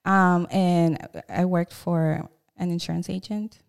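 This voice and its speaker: A loan officer in her 30s from El Salvador, with a Salvadoran Spanish accent, is a guest on a casual podcast, chatting candidly and laughing often. Her fairly low voice is smooth, with vocal fry and a flat delivery, and she takes her time.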